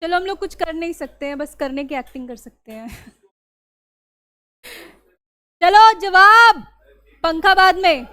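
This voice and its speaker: A woman's voice: very high voice, sharp tone. A woman teacher, giving a classroom grammar lesson and often checking whether the students understand. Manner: mixes Hindi and English, keeps asking the class if it is clear.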